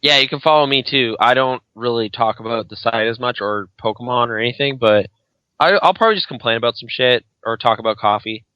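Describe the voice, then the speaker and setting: A man's voice: mid-range voice, brisk, bright, forceful tone, clear, resonant tone, dry recording. A tipsy man co-hosting a podcast, hesitant and full of ums as he chats casually. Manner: hesitant, lots of ums, mumbling. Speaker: podcast co-host. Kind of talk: casual drunk podcast chat. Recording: dull dry lo-fi mic.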